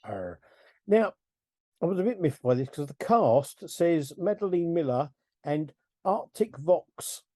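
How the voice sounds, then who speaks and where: A middle-aged man hosts a casual film review podcast, rambling and chuckling as he corrects himself. His voice sits a little high and sounds mellow. It is recorded close on a dry mic. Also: animated, a little slow, no echo. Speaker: podcast host.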